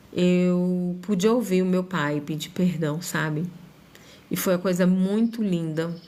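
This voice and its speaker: A woman's voice: lowish voice, darkish tone. Woman giving a chatty faith testimony. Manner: conversational, often adding tag questions like "né?" and "sabe?".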